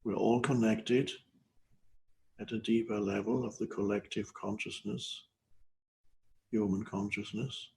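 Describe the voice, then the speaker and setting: An older man leads a guided meditation in a slow, unhurried delivery. His low voice has a gravelly edge. He pauses often and speaks in short, hesitant phrases. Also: fairly even intonation, darkish tone, slight background noise, low-quality recording. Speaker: spiritual teacher.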